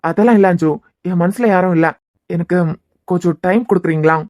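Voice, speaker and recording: A woman with a Kanyakumari Tamil accent, voicing a soft-spoken, hesitant young office worker in a cartoon series. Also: fairly low pitch, brisk, dry recording, clean studio sound, close to an everyday voice. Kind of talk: cartoon web-series voice acting.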